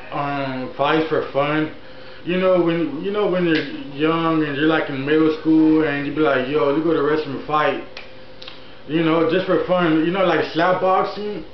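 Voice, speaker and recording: A man in his early twenties telling a personal story in a casual, rambling vlog style, often repeating himself. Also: fairly high pitch. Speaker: YouTuber, channel host. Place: indoor room at home, TV on. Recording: echoey room, dull sound, faint noise.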